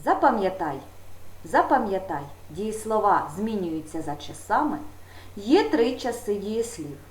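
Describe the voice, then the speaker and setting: A woman teaching a grammar video lesson to young pupils, speaking slowly and emphatically straight to the children. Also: mid-range voice, animated. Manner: slow, emphatic, addressing children directly. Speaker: primary school teacher. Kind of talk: video lesson for fourth graders. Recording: echoey room.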